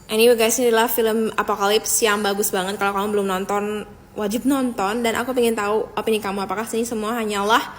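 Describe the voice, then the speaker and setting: A woman's voice: medium pitch, fairly even intonation, fast talker. A woman narrating a video in a chatty, sympathetic way, speaking straight to the viewer. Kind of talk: informal narrated video commentary.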